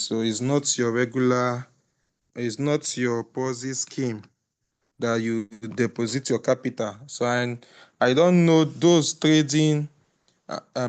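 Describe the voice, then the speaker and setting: A man with a smooth, resonant voice guides the call to a close. He speaks hesitantly, pausing on "uh" and restarting his sentences while he gives earnest advice. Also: medium pitch. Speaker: call moderator. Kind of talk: casual group call, closing remarks.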